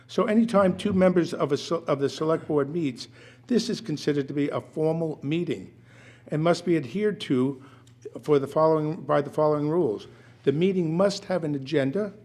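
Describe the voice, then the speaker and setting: Hoarse older man reading a formal statement. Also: on the high side, darkish tone. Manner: formal, halting with self-corrections. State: hoarse, losing his voice. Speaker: resident speaking at a town meeting. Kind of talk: prepared public statement read aloud. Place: town meeting room.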